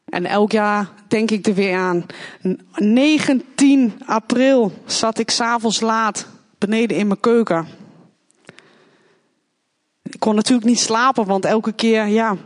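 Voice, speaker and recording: A woman's voice: a little high, slow pace, pauses often. A woman giving an earnest personal testimony in a church, telling her story in plain, heartfelt words. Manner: earnest, acts out quoted voices.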